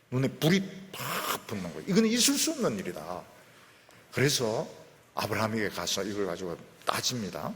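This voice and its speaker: Middle-aged pastor guy preaching, bouncy pitch, big echoey church hall, gets loud then trails off soft. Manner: animated preaching with sudden loud bursts and soft trailing endings. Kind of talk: sermon.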